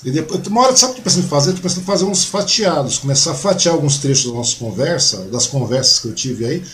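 A man hosting a relaxed conversation with a guest, chatting and jumping in often. He talks fast in a slightly high voice. A faint background noise runs under his speech. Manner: chatty, interjects often with short backchannels. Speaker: host. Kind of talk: casual interview chat.

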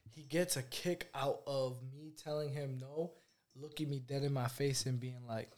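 A man's voice: mid-range voice, steady tone, normal speed, darkish tone. A man in casual chat, joking as he tells family stories.

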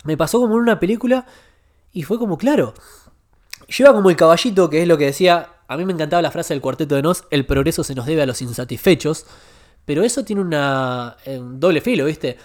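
A man's voice: on the high side, fast talker, darkish tone. A young man with a Rioplatense Spanish accent, a podcast guest telling a personal story in a confessional way, repeating words for emphasis.

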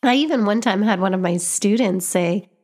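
This reflective vlog monologue comes from a young woman in Canada who is both a vlogger and a teacher. Her medium-pitched, slightly mellow voice runs at normal speed, and she keeps restarting and repeating words while searching for what to say, earnestly addressing the camera.

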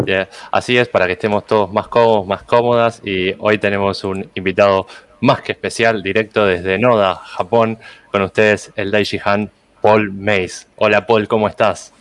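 Guy hosting an interview podcast, native spanish speaker, lowish voice, polite. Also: level tone, brisk, clean tone, no room sound. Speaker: podcast host.

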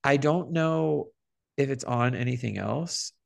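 A man co-hosting a podcast, telling gossipy stories in an animated, casual way. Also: mid-range voice, unhurried, gravelly. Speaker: podcast co-host.

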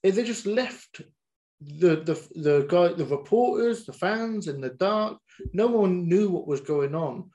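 Animated man, fairly high voice. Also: a little slow. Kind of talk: casual chat.

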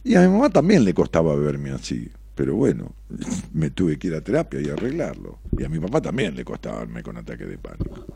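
A man's voice: very deep voice, huge pitch swings, brisk, gravelly, dark tone, husky, dry recording. A middle-aged man with a Rioplatense Argentine accent, hosting a radio call-in talk show, reading listener messages and answering them sarcastically and provocatively, swearing freely. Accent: Rioplatense Argentine Spanish. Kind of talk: blunt on-air commentary reading messages.

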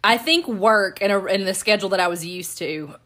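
A woman's voice: medium pitch, animated, normal speed, pushed and bright. A woman co-hosting a casual chat over a meal, playful and teasing, laughing often and using slangy phrasing. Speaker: co-host. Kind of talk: casual chat while eating.

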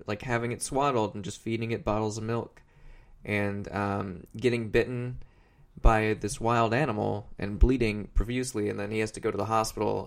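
A man's voice: lowish voice, vocal fry. A man co-hosting a podcast who recaps a show in casual, rambling chat with many fillers. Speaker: podcast co-host.

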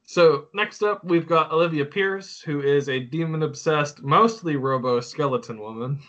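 A man's voice: fairly high pitch, moderate pace, fairly bright tone, lo-fi sound. A man co-hosting a podcast in casual chat, rambling and joking as he talks through a game's characters. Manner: rambling, self-interrupting, joking. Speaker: podcast co-host.

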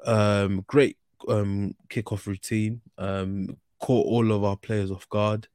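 A man's voice: on the low side, level tone, slow pace, darkish tone, clean tone, dry recording, studio quality. A young man with a slangy London roadman accent, hosting a casual football chat. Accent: London, urban street slang. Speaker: host of a football discussion show.

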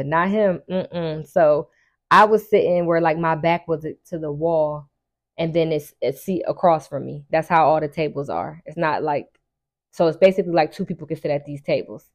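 A woman's voice: sits low, a little mellow, muffled recording. A woman telling a personal story in casual, colloquial chat, animatedly acting out dialogue and stretching key words for emphasis. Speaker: storyteller addressing her audience.

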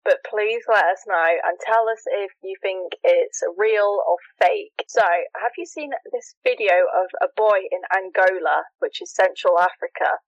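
A woman co-hosting a podcast, telling stories in an animated, casual way and laughing often. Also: mid-range voice, a little slow, hardly any pauses, no room sound. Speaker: podcast co-host. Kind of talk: casual chat. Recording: dull, dry lo-fi sound.

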